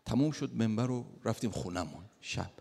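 A man preaching a sermon as a story, acting out quoted lines with sudden loud bursts. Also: on the low side, expressive, vocal fry, slightly rough, big-room sound.

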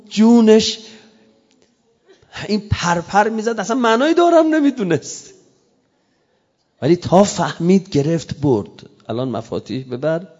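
A man preaching a sermon to a gathering, telling stories with passion and rising to loud cries at their peaks. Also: on the high side. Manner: impassioned storytelling, rising to cries. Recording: muffled echoey hall.

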